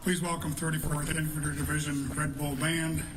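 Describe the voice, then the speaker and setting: A man with a fairly high voice and very flat intonation hosts a formal ceremony in measured announcements. He sounds distant from the microphone, with echo around his words. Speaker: master of ceremonies. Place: outdoor cemetery ceremony over loudspeakers. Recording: echoing, distant mic, clear background noise.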